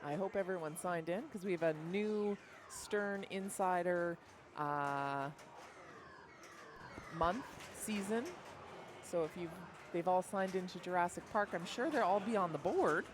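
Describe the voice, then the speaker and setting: Upbeat live pinball co-commentator, playful asides, clear arcade noise behind. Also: mid-range voice, a little slow. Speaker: co-commentator at a pinball tournament stream. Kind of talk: casual live play-by-play commentary. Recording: noisy arcade background.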